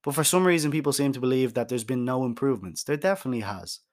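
A man's voice: medium pitch, quick pace. A young man hosting a candid solo podcast, talking frankly and emphatically, swearing for emphasis, with many restarts. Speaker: podcast host.

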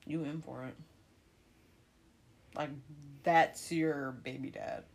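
A woman's voice: sits low, fairly even intonation, slow pace, creaky. A woman in casual chat, joking, swearing freely and laughing as she tells stories. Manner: jokey, emphatic, drops "period" for emphasis.

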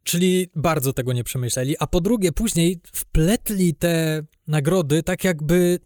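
A man's voice: a little high, measured pace, darkish tone, no echo, clean studio sound. A man co-hosting a podcast, chatting casually about film with sarcastic, exasperated rants. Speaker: podcast co-host.

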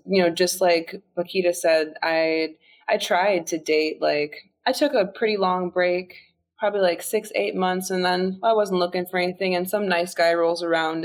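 A woman guest speaking thoughtfully and a little hesitantly, often saying "like". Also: lowish voice. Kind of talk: candid conversation.

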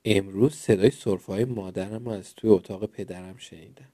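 A man reading children's stories aloud in a gentle, expressive way. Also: fairly low pitch, no echo, studio quality. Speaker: storyteller.

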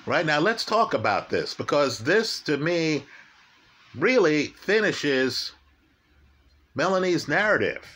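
A true crime commentator with a man's voice that sits on the high side, swings widely in pitch, and sounds a bit bright. He walks his listeners through a criminal case slowly and emphatically, stressing key facts, repeating them, and checking in by asking "right?"

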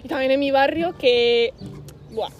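A young woman, telling stories in lively casual podcast chat, full of slang fillers. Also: high-pitched, unhurried, muffled recording. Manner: animated storytelling with slang fillers. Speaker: podcast co-host.

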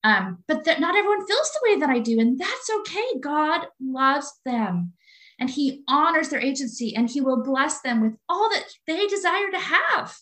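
A heartfelt guest in a faith-based conversation, this woman in her late forties speaks earnestly and keeps repeating her phrases. Her voice sits high with a fairly bright tone.

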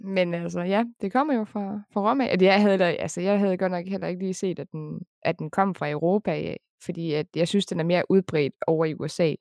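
A young woman hosting a casual podcast chat, chatty and quick to laugh, with casual swearing. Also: fairly low pitch, vocal fry, a little mellow, no echo, clean studio sound. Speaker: podcast host.

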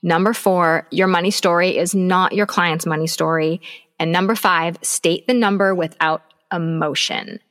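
A woman's voice: lowish voice, steady tone, normal speed, a bit bright. A woman co-hosting a business podcast, giving advice in an emphatic, coaching way and repeating her key points. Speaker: podcast co-host. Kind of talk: casual business podcast chat.

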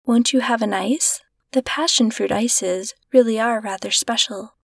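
A woman's voice: on the high side, unhurried, vocal fry, no echo, studio quality. A woman reading the lines of an earnest, tender-hearted young girl in a storybook reading.

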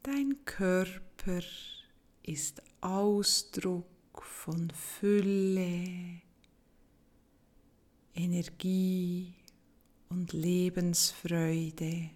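Female meditation guide: soft, breathy and soothing, mellow low-leaning tone, extremely unhurried delivery with long pauses.

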